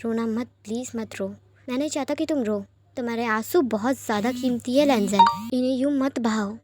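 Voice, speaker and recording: A woman's voice: a little high, moderate pace, very noisy, close to an everyday voice. A woman voicing a tender, stubbornly devoted young prince in a fanfiction reading, insistent and passionate.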